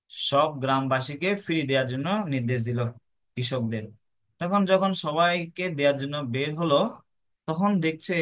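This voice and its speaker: A man giving a devotional class. He keeps asking his listeners questions and then answers them himself. He chants a mantra in a soft voice. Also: medium pitch. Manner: asks the audience rhetorical questions and answers them. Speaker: devotional speaker.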